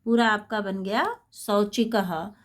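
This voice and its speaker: Slow, patient woman teaching Sanskrit. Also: medium pitch, steady tone. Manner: patient, spells out words slowly and repeats them. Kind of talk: slow explanatory lesson for schoolchildren.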